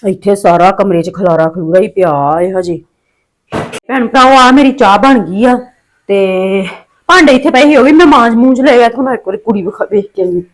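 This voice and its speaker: A woman's voice: mid-range voice, normal speed. A woman with a Punjabi accent chatting casually for a home vlog, rambling in a plaintive, homely way as she talks to her viewers. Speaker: family vlogger and mother.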